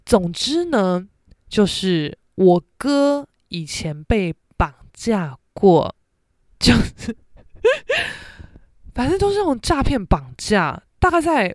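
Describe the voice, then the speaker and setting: A young woman with a Taiwanese Mandarin accent hosts a podcast, casually telling family stories and animatedly acting out her relatives' voices. Her voice is mid-range, and the recording is studio quality with no echo.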